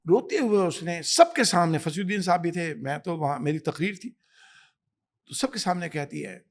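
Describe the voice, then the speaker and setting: A man's voice: fairly high pitch, animated. A man, an imam and guest scholar, speaking emphatically in a podcast interview, preaching and telling stories. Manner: emphatic, storytelling, exhorting. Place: Canada.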